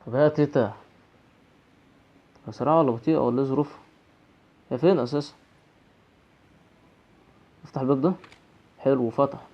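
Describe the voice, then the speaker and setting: A man's voice: medium pitch, fairly quick, pauses often, lo-fi sound. Jumpy Egyptian man playing a horror game. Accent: Egyptian Arabic. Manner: jumpy, frightened exclamations and nervous rambling. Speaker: gaming channel host.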